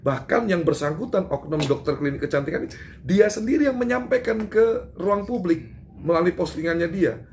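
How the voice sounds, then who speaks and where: A man from Indonesia giving an animated, emphatic statement to reporters, full of fillers and restarts. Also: high-pitched, moderate pace, creaky, slight background noise. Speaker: public figure giving a press statement. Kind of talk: doorstop interview with reporters.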